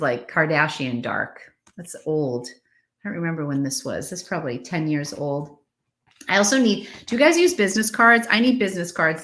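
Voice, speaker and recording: Middle aged lady chatting on her live stream, kinda monotone, lots of likes and ums, bright crisp voice. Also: deep voice. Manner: self-described monotone delivery, chatty with many "like" and "um" fillers. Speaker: reseller and YouTuber hosting a live stream. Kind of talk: casual live-stream chat.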